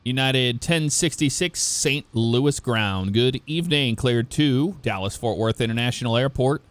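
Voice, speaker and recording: Working as a ground controller in a flight simulation, this man delivers standard air traffic phraseology in short procedural chunks. His medium-pitched voice has lively intonation and a measured pace.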